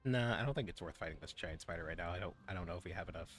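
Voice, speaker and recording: A man's voice: low-pitched, very fast, fairly bright tone, soft background music. A man streaming a co-op game, chatting casually and explaining the rules to his friends. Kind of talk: casual gaming chat.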